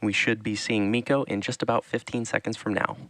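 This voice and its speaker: A man giving live explanatory launch commentary as a webcast host, measured and informative. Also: lowish voice, level tone, fairly bright tone, no echo.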